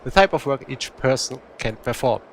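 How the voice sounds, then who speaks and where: A man voicing a stern woman commander, Ella, in a put-on Russian or Polish accent, reading game tutorial lines in a brisk, commanding way. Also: mid-range voice, expressive, slight background noise, close to an everyday voice. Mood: instructing.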